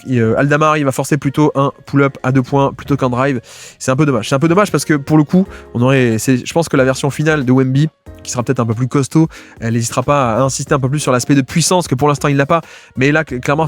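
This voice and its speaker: A man giving casual, fast-paced commentary as he breaks down basketball game film, with many fillers and restarts. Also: mid-range voice. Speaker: basketball video analyst.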